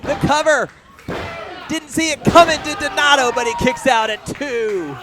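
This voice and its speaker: A man doing live pro wrestling play-by-play commentary, excited and emphatic, raising his voice to a shout on big moves. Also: very high voice, measured pace, background noise. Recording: loud crowd and music behind. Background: live event crowd and music.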